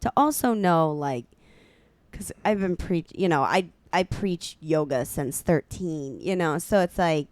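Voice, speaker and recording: Slow-talking blunt woman co-host. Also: low-pitched, lively intonation, darkish tone, dry recording. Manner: unhurried, blunt, searches for words. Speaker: podcast co-host. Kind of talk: casual relationship chat. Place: radio studio. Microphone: studio mic.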